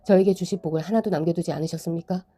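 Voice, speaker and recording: A woman's voice: lowish voice, steady tone, racing, dark tone, slightly rough. A woman reading the lines of a wronged elder son who pleads with his father. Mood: pleading.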